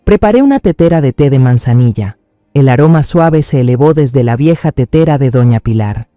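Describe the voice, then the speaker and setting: A man's voice: medium pitch, expressive, mellow, no room sound, studio quality, soft background music. Man narrating a somber drama. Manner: measured, somber, suspenseful.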